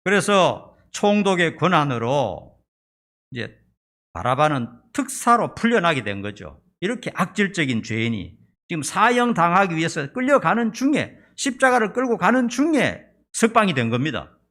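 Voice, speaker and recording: Gravelly, animated male preacher. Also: on the high side, moderate pace. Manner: dramatic storytelling, acting out scenes. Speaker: pastor. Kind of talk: sermon.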